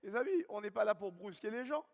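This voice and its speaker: High-voiced man on stage in a reverberant hall. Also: fast talker, vocal fry. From Guadeloupe. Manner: energetic, questions and calls out to the audience. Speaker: seminar speaker. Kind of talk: motivational stage talk. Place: large hall with live audience.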